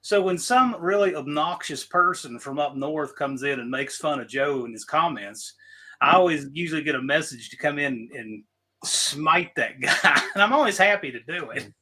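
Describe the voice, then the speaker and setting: Husky, lively man arguing. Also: on the high side, normal speed. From American South. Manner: opinionated, emphatic, argues his point. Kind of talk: casual chat.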